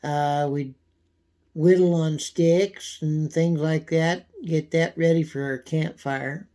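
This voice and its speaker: A man giving a casual, folksy how-to demonstration, his voice thin and squeaky from a coming cold. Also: flat delivery, mellow. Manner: folksy, unhurried, frequent throat clearing. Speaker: video host demonstrating pocket knife care.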